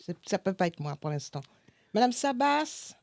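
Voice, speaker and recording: A middle-aged woman telling a funny story to her son in a casual family chat, dramatic and lively, acting out other people's lines. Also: medium pitch, normal speed, gravelly, no room sound, studio quality. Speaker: mother of the host, guest.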